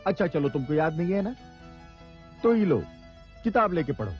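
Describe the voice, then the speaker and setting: A bossy, exasperated troupe director who keeps his players in line. His voice sits high, and the sound is slightly dull with faint music. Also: very animated, moderate pace.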